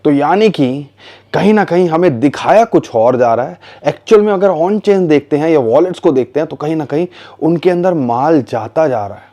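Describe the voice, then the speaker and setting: Mellow-voiced man explaining markets. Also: mid-range voice. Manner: conversational, addresses viewers as "bhaiya", rhetorical questions. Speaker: crypto market commentator. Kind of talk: casual explanatory commentary.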